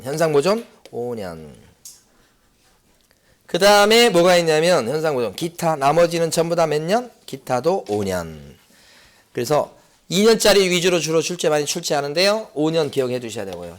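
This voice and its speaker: Lively middle-aged man lecturing. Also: fairly high pitch. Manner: lively, rhetorical questions and repetition. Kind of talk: exam prep lecture.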